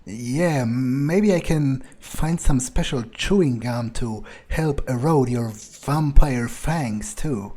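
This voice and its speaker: Slow, mellow, and medium-pitched, with few pauses, a man voices his character in a video game playthrough. He thinks aloud in a musing, hesitant, sardonic manner over faint background game ambience.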